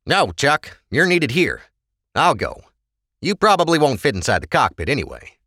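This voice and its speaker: A man voicing a decisive, take-charge man in an audiobook, raised in pitch from his narration. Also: wildly swooping pitch, normal speed, bright, forceful tone, no room sound, clean studio sound, full character voice. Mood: firm.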